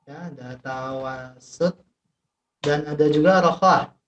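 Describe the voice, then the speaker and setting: An Indonesian man teaches an online tajwid class over a video call, explaining slowly and patiently with many fillers and repetitions. His voice is fairly high-pitched and a bit bright, with a little hiss or hum audible.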